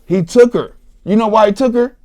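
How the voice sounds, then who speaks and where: A man's voice: high-pitched, normal speed, a little mellow. Emphatic man from Columbus, Ohio. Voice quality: profane, emphatic, preachy. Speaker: podcast guest. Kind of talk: emotional storytelling.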